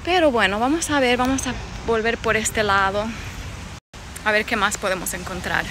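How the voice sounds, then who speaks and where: A woman's voice: a little high, normal speed. A woman in her thirties from Bolivia, chatting casually on a live stream while walking through a garden and greeting viewers with a phone at arm's length. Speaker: vlogger hosting a live stream. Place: outdoor garden with birds. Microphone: phone held at arm's length. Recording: noisy outdoor phone recording. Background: birds and outdoor ambience.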